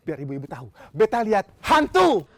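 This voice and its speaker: A man's voice: high voice, huge pitch swings, normal speed, no room sound. A man playing a frightened vegetable seller, talking dramatically. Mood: spooked. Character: jumpy eastern Indonesian vegetable seller, scared.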